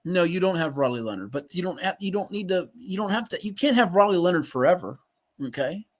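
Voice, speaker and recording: A man hosting a live sports talk show, calling plays and teasing his co-host, bursting into shouts and laughter. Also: high voice, lively intonation, fast talker. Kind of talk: live game-watch commentary chat.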